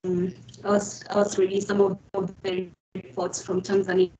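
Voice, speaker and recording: A woman's voice: medium pitch, monotone, normal speed, dark tone. A woman speaking hesitantly as a panelist, her voice breaking up over an unstable video call connection. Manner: hesitant, many fillers and restarts. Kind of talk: online panel discussion. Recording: muffled lo-fi video call audio.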